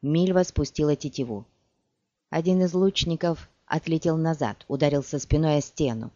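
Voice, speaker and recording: A man reading a fantasy audiobook aloud in an animated storytelling manner. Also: a little high, normal speed, no echo. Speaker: audiobook narrator. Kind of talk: scripted fantasy narration. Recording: dull dry lo-fi recording.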